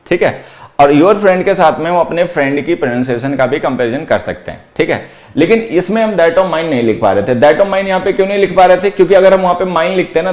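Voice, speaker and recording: A man teaching an exam-prep grammar lesson, explaining step by step, repeating key points and slowing down to dictate example sentences. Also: on the high side, a little mellow.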